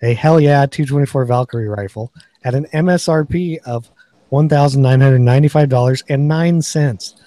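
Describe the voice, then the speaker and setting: A man's voice: mid-range voice, normal speed, dark tone, no room sound. A man hosting a casual podcast chat, reading off rifle features and specs. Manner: chatty, reads off product specs. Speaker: podcast host. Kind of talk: casual gun review chat.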